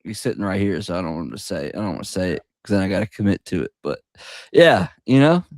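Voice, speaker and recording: A man's voice: deep voice, rapid-fire, a little mellow, dry recording. Male podcast co-host, laid-back slangy chat, medium voice, dry recording. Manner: laid-back, slangy, calls people "dog". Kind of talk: casual chat.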